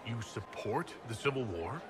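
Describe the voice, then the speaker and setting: A man voices a composed, probing male commander of an inquisition in video game dialogue, direct, questioning and authoritative with a calm mood. His mid-range voice has big pitch swings at a moderate pace and sounds natural.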